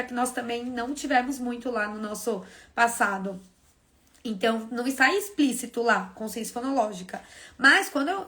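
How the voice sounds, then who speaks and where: A woman's voice: a little high, a bit bright. Woman teacher explaining step by step. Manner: explains step by step and asks and answers her own questions. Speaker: teacher trainer hosting a live stream. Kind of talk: casual teaching talk.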